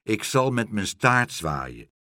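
Brief: male reader playing a mopey, bossy storybook horse with wide pitch swings, dry read. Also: very animated, takes it slowly, sharp tone, dry recording, heavily acted. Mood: sorrowful. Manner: sorrowful, then impatient and bossy. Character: long grumpy male talking horse. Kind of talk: storybook reading.

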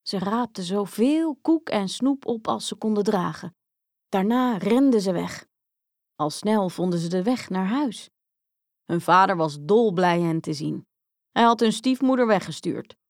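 Woman storyteller, even delivery, fairy tale reading, dry recording. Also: medium pitch, a little slow, no echo. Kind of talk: fairy tale read aloud.

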